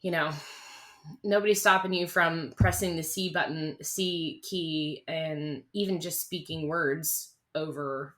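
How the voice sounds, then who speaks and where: A woman in her thirties, a country singer-songwriter, speaking earnestly and haltingly as an interview guest, with many restarts. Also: low-pitched, fairly even intonation, fairly bright tone. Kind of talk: candid interview conversation.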